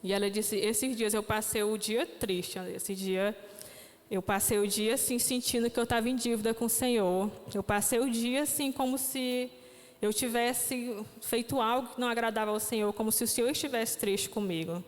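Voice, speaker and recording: A woman's voice: fairly high pitch, steady tone, moderate pace. Young woman, sermon testimony, reflective, reverberant church hall. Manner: reflective, frequent "né?" tags. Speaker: youth church speaker.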